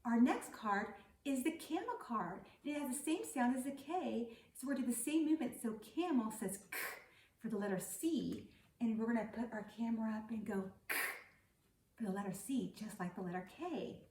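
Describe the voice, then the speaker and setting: A woman's voice: a little high, expressive, normal speed, a little mellow. A middle-aged woman giving a kindergarten phonics lesson, speaking to small children and stressing key words and letter sounds. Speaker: kindergarten teacher. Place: indoor room set up as classroom. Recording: roomy echo, distant mic.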